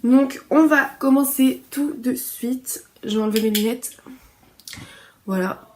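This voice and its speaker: Brief: young woman, slightly high voice, chatty beauty vlogger, casual filler-heavy tutorial at home. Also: unhurried, slight background noise. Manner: chatty, many fillers, informal slang.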